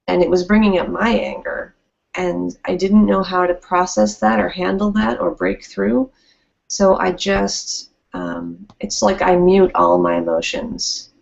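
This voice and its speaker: A woman's voice: lowish voice, vocal fry, darkish tone. A woman speaker giving a talk about handling conflict at work, conversational and illustrating points with acted quotes. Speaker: workshop speaker. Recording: dull lo-fi recording.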